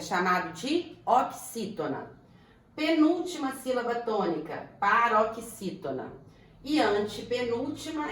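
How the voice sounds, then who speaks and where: A Brazilian woman teaching a children's grammar lesson, slow and deliberate, stretching words to sound out their syllables. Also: fairly high pitch, fairly bright tone, slight background noise. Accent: Brazilian Portuguese. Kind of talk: primary school grammar lesson. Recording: echoey room, voice from a distance.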